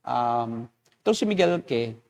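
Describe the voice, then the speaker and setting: A man's voice: mid-range voice, animated, slow pace, vocal fry, darkish tone. A man, a pastor, explaining at length in a casual discussion and acting out quoted remarks. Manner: explanatory, lecturing, acts out quotes.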